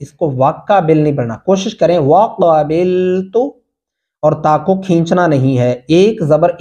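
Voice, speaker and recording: High-leaning and dark in tone, a man's voice guides students through Quran reading. He patiently spells out letters and vowel marks at a slow pace, drawing out the recited phrases as he sings them.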